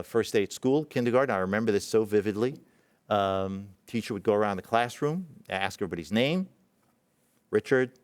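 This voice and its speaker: A middle-aged man born in Israel tells a personal story in a talk, halting and reflective, with many fillers and restarts. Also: lowish voice, clear, resonant tone, no room sound. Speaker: presenting physician.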